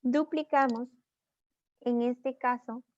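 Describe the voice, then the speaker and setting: Slow, patient woman teacher, dry lo-fi sound. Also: a little high, steady tone, a little mellow, dry recording. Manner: patient, explains step by step in Spanish with English examples. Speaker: English teacher. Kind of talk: online grammar lesson. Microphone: computer mic on a video lesson. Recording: dull, dry lo-fi recording.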